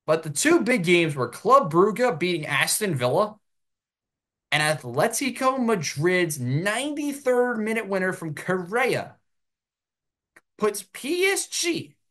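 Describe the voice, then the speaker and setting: An American man hosting his own sports show, giving solo commentary and ranting in an animated way. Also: high voice, takes it slowly.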